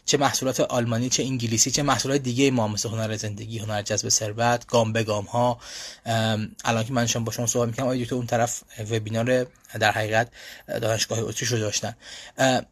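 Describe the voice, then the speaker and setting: A man's voice: medium pitch, level tone, no room sound. Chatty man hosting a live Q&A. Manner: chatty, frequent fillers and restarts. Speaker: language school host answering viewer questions. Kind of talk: casual live Q&A. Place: lives in Europe.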